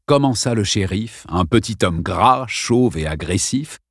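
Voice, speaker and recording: Un narrateur de livre audio à la voix plutôt grave et à l'intonation très vivante. Sa lecture est posée et expressive. La prise de son est sèche et proche. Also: male voice, fairly low pitch, measured pace, husky, no room sound, studio quality. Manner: expressif, posé. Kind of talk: narration de roman lue.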